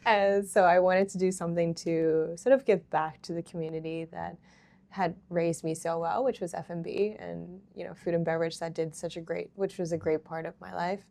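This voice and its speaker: A young woman founder in a casual interview, relaxed and chatty, with many ums and easy laughs. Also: fairly low pitch, normal speed, creaky. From Hong Kong. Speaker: startup founder, interview guest.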